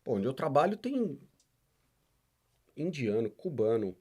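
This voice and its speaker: A man's voice: mid-range voice, unhurried. A man, a podcast guest, telling stories in a casual interview and acting out the quoted dialogue. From Brazil. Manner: animated storyteller, acts out quoted dialogue.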